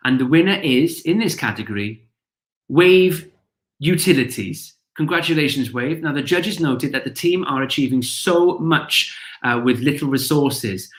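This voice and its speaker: A man's voice: mid-range voice, lively intonation, normal speed, fairly bright tone, roomy sound. A man with a Welsh accent hosting an awards ceremony, reading out shortlists and winners with upbeat emphasis. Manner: upbeat, announcing names with emphasis. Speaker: awards host.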